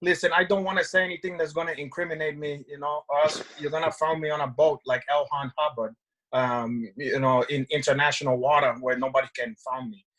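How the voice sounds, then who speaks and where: A man's voice: a little high, steady tone, a bit bright, poor audio. Man playing a crude boasting fighter. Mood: cocky. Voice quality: rambling, halting, crude boasts. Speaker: show host taking callers.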